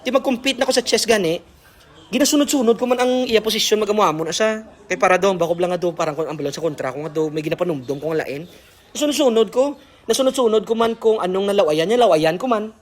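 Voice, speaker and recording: Filipino preacher checking in with listeners. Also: male voice, high-pitched, lively intonation, fast. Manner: code-switching, keeps checking in with listeners. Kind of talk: devotional sermon.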